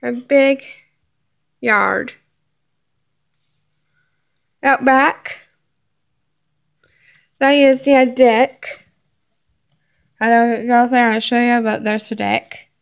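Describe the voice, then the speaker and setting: A high-pitched woman gives a casual home tour as a vlogger, filming with a handheld phone while walking through the house. Her speech is very slow and halting, packed with "uh" and "um," as she names items one after another. Her tone stays steady, with a voice that is both gravelly and smooth.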